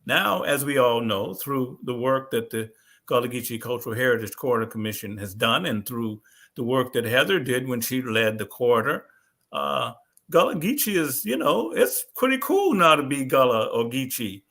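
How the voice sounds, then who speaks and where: A man's voice: mid-range voice, lively intonation, moderate pace, fairly bright tone. A man, an author, speaking thoughtfully in a panel discussion, often restarting his sentences. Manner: thoughtful, with many restarts and fillers.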